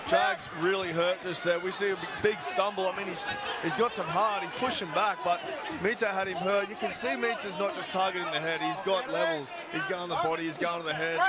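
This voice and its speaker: High-voiced male fight analyst. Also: a little fast, a loud crowd.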